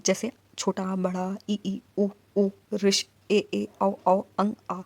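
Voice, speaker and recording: A woman teaching an exam-prep grammar lesson, putting questions to the class and answering them herself, and reciting letter sounds in slow lists. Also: medium pitch, monotone, vocal fry, darkish tone, no echo.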